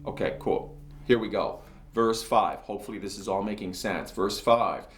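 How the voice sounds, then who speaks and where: Male cello teacher, relaxed step-by-step talk, echoey room. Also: fairly low pitch, normal speed. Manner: chatty, talks through each step while playing. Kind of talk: casual music lesson.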